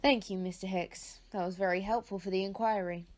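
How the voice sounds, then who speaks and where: A woman's voice: mid-range voice, fairly even intonation, brisk, a little mellow, lightly acted. A woman playing a police officer who questions a witness in a formal, businesslike way in an amateur radio play. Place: home, recorded alone.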